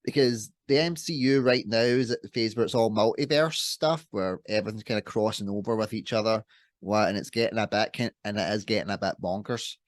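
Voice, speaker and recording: A man's voice: lowish voice, a little fast, dry recording. A young man co-hosting a casual podcast chat, joking and rambling with frequent laughs. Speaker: podcast co-host.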